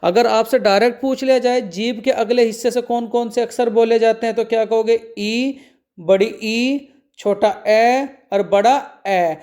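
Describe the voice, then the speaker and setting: A man with a strikingly high voice leads an exam-prep grammar lesson. He keeps asking the students what they would answer and then gives the answer himself, in a steady call-and-response rhythm. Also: a little slow. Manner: call-and-response questioning, answering his own questions. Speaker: Hindi grammar teacher.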